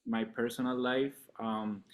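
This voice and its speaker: A man from Colombia, a guest musician in a casual interview chat, relaxed and laughing often, talking with many fillers. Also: medium pitch, measured pace.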